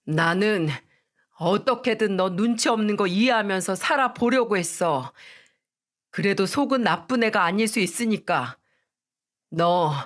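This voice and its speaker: A woman's voice: on the high side, a bit bright. A woman voicing a firm, decisive young man who speaks bluntly in a storybook drama. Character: firm, cool-headed young man, a lawyer.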